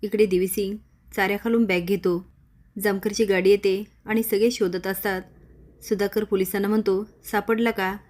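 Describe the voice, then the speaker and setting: Woman briskly retelling a serial. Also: medium pitch, flat delivery, darkish tone. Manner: brisk narration with quoted dialogue. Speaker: narrator. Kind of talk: storytelling recap of a TV serial.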